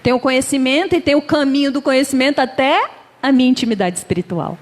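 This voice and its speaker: A woman's voice: sits high, fast talker. A middle-aged woman with a Brazilian Portuguese accent gives an informal religious lecture, chatty and conversational, laughing often and acting out little everyday dialogues. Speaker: guest speaker at a Spiritist center. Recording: lecture hall with long reverb.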